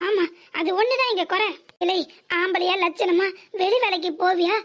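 A woman voicing a sharp-tongued old village mother-in-law in a cartoon comedy, scolding sarcastically with a southern Tamil accent. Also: extremely high pitch. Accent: southern Tamil, Tirunelveli area. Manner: scolding, sarcastic, rapid-fire insults.

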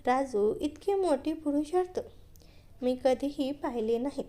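A woman's voice: high voice, expressive, measured pace, dark tone. A woman voicing a playful, teasing married woman in her thirties in a read-aloud story. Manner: read plainly in the narrator's own voice.

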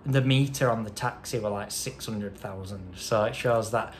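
A man's voice: lowish voice, moderate pace. A man, telling a travel story in a casual, chatty way on a travel vlog. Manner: chatty, storytelling, dialect grammar. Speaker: travel vlogger. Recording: noisy travel ambience behind.

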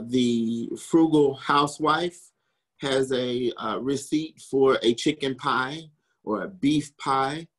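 A man's voice: mid-range voice, rough recording. A man from the American South, a historical interpreter and chef, answering questions in a chatty way with frequent laughs and wry asides. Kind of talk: casual Q&A answers.

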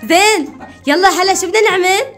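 High, quick-talking playful mom. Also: female voice, fairly bright tone, soft background music. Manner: playful, teasing, laughs often. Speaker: mother and family vlogger. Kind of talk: casual family chat. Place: family home.

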